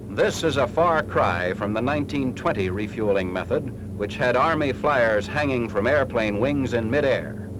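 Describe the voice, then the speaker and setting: The noisy vintage soundtrack of a 1940s military training film carries a mid-pitched American man giving a formal, clipped instructional reading.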